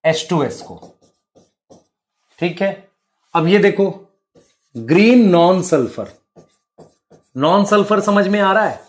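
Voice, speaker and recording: Speaking slowly and with long pauses, this biology teacher has a high, animated voice. He works at the board, tests students with rhetorical questions, and addresses them as beta and bhai.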